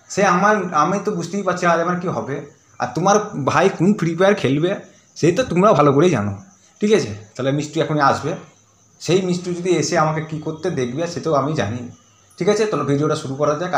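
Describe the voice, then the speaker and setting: A young man talking casually to his viewers, often asking for agreement, then speaking low and soft into a phone. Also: husky. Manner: chatty, keeps asking "ঠিক আছে?". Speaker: prank video creator. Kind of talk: casual vlog and staged phone call.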